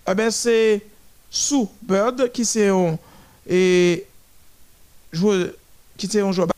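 A man giving running commentary on a parade of nations, listing them one by one with halting restarts. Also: high voice, a little mellow, clear, resonant tone.

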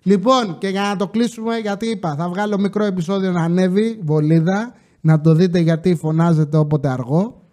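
High-voiced joking man telling stories. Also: dark tone. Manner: joking, chatty asides to listeners. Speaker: podcast host. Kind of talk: casual comic storytelling monologue.

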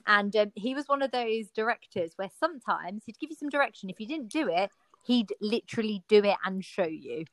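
A woman's voice: mid-range voice, animated, brisk, no echo. A young woman with a regional English accent, an actor chatting casually and expressively, with lots of filler words. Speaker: actor, podcast guest or co-host. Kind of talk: casual chat.

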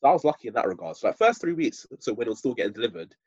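A man's voice: mid-range voice, sing-song, very fast, darkish tone, husky, no room sound, highs cut off. A young man with a London roadman accent bantering casually on a podcast in heavy, matey street slang. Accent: London roadman, urban British slang. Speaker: podcast co-host.

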